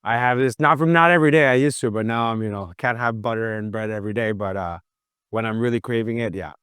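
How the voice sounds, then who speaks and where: A man's voice: fairly low pitch, fast, clean tone, dry recording, clean studio sound. A man who owns a food boutique, talking casually and at length in an interview, with plenty of fillers. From Miami. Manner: relaxed and talkative, with frequent fillers.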